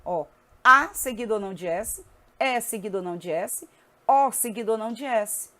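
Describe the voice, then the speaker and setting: A woman teaching a grammar lesson, spelling out letters slowly and often checking in with her students. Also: fairly high pitch, expressive, pushed and bright.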